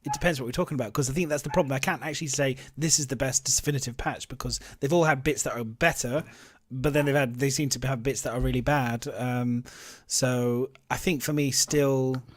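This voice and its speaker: A man's voice: mid-range voice, fairly even intonation, fairly quick, dry recording, clean studio sound. A man hosting a casual gaming podcast, talking in loose, rambling sentences full of restarts and fillers. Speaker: podcast host.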